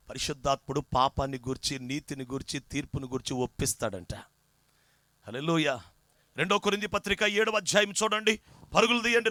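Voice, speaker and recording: A man's voice: high-pitched, no room sound. Give me a man pastor delivering a fervent sermon, close and dry, with a repetitive chanting rhythm. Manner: fervent preaching, repetitive chanting cadence, shouts at peaks.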